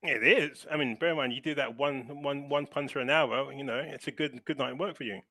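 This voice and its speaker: A man's voice: medium pitch, a little fast, no room sound. A man from London, a fintech managing director, telling a casual anecdote on a webinar video call, laughing and acting out voices as he goes. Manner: animated storyteller, laughing, acting out quoted voices.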